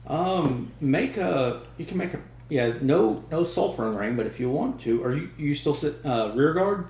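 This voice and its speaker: A man running a tabletop game as dungeon master, relaxed and drawling, laughing often. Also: fairly high pitch, normal speed, roomy sound.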